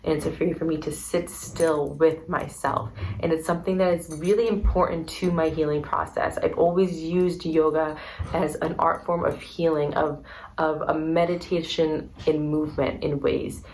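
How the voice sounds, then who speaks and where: A young woman talking earnestly and softly in a personal vlog, repeating her words as she goes. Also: low-pitched, little pitch movement, normal speed, slight background noise, low-quality recording. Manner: soft, earnest and repetitive, gets emotional. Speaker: vlogger. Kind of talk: heartfelt personal vlog talk.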